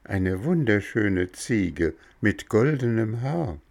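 Man doing a higher-voiced lecturing cricket. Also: big pitch swings, slow, gravelly, a little mellow, heavily acted. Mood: reproachful. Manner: reproachful, lecturing. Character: wise, stern little talking cricket. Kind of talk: storybook narration.

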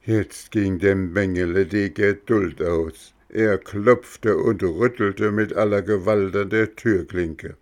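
A man reading a children's storybook aloud in a calm, measured way. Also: sits low. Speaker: narrator.

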